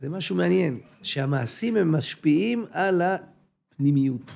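A man's voice: a little high, expressive, vocal fry, darkish tone. A man giving an informal religious class to a group, acting out dialogues and repeating phrases for emphasis. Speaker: religious teacher.

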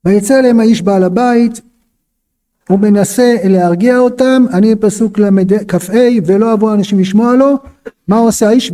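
A man teaching a Bible lesson with a fairly high yet mellow, warm voice. He reads the verses aloud, then presses his listeners with pointed, indignant questions, his pitch leaping up and dropping low as he drives each point home.

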